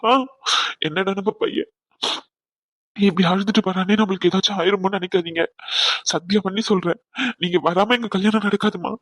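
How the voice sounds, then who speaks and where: This is a young doctor son crying over his dying mother in an animated drama, voiced by a man. The voice is high for a man, wet with tears and pleading. It is recorded dry and close. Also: dry recording. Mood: tearful, reassuring.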